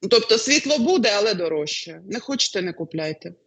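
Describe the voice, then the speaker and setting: Husky lady reading tarot, lots of ums and uhs, goes up and down a lot. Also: medium pitch, quick pace. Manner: hesitant, many fillers, lively rises. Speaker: tarot reader. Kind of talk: interview answers, fortune-telling.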